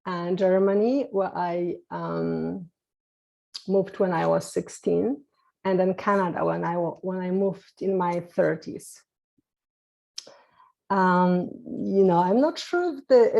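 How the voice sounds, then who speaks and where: Slow, gravelly-voiced woman. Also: medium pitch, dark tone, muffled recording. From Poland. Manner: slow, hesitant, many pauses. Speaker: guest coach. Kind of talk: casual interview chat.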